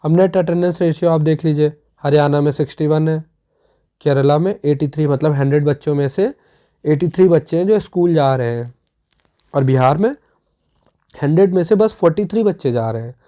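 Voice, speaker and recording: A teacher with a dark, mellow voice runs through an exam revision lesson. The teacher explains step by step and keeps checking that the class is following. The voice sits in the middle of the usual pitch range. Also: brisk.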